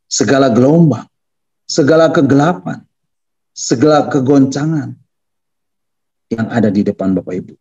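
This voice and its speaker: A man's voice: dark tone, dull audio. A man preaching a sermon emphatically, speaking directly to his congregation. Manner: emphatic, rising to high cries on quoted lines, addresses listeners as Bapak Ibu.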